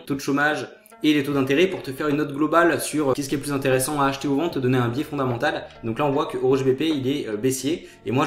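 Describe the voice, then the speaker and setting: Fast-talking man, roomy sound, faint guitar. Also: medium pitch. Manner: casual, addresses viewer as "tu", many "euh" hesitations. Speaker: trading channel host. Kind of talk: live trading walkthrough.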